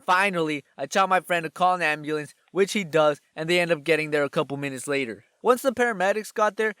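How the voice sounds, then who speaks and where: A young man telling a comic personal story in an animated, sarcastic way. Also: fast talker, smooth, dry recording, studio quality. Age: young adult. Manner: animated, sarcastic, jumps in pitch for emphasis. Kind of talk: comedic storytime narration.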